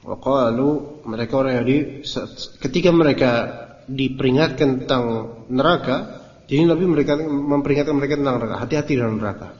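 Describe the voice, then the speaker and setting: Animated man teaching in an echoey hall. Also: medium pitch, fairly quick, pauses often. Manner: casual, animated, acts out quotes and jokes. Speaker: Islamic teacher. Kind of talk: Quran commentary class. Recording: roomy echoey lecture recording, dull lo-fi.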